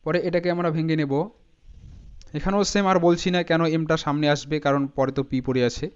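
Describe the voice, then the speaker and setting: A male English teacher with a smooth, rather high voice gives a spoken lesson breaking words into syllables. He spells out letters and syllables slowly and deliberately, and the sound is dull and lo-fi.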